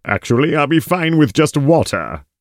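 A man's voice: a little high, big pitch swings, normal speed, dry recording. A man playing a dry, secretive schemer in a comic audio drama, formal, terse and disapproving. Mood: wry, ominous.

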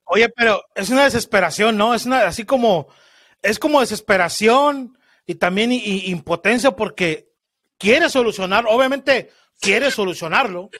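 A man's voice: high voice, normal speed. A man with a Mexican Spanish accent hosting a casual podcast chat, telling stories in slangy, swearing speech. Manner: slangy, swearing, animated storytelling. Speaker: podcast host.

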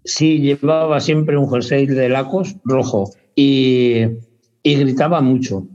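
A man's voice: mid-range voice, slow, darkish tone. A man chatting in an interview, rambling and hesitant, often correcting himself. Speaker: interviewee, basketball parent. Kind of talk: casual interview chat. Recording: dull lo-fi sound.

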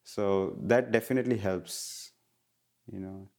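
A man's voice: fairly low pitch, fairly even intonation, a little slow, a little mellow. A middle-aged man from India in a casual interview, explaining things earnestly and animatedly, often restarting his phrases. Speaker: guest, wellness educator.

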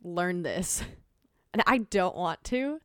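This young Minnesotan woman, whose accent is slight, speaks slowly in a fairly low, clean-toned voice while chatting casually as a podcast guest. Her storytelling is animated, with acted-out quotes and plenty of laughter. The recording is dry and studio quality.

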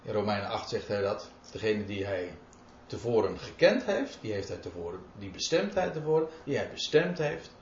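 A man's voice: fairly low pitch, expressive, moderate pace, few pauses, slight background noise. A man preaching a sermon, reading out scripture verses and explaining them emphatically. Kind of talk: sermon, Bible exposition. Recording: roomy, dull lo-fi recording.

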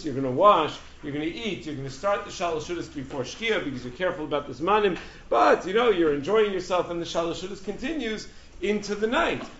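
High-pitched man teaching religious law, dull recording. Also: reverberant, a little hiss or hum. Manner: rhetorical questions, repeating and answering himself. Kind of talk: religious lesson with quoted sources. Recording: dull, lo-fi sound.

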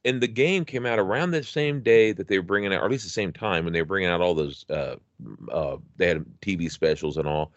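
A man's voice: low-pitched, fairly quick, dry recording, highs cut off. A man co-hosting a podcast, chatting casually and nostalgically, rambling with many restarts. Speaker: podcast co-host.

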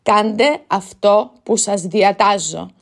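A woman voicing a courteous young king who speaks gently and reassuringly. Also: medium pitch, expressive, creaky. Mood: commanding. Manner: gentle, reassuring, then commanding.

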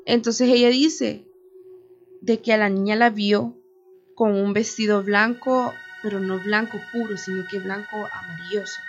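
A young woman telling a spooky story in a casual, animated chat, filling her talk with "o sea". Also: mid-range voice, a little slow. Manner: animated, many fillers like "o sea". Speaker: radio show team member telling a story. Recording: dull lo-fi recording with faint music.

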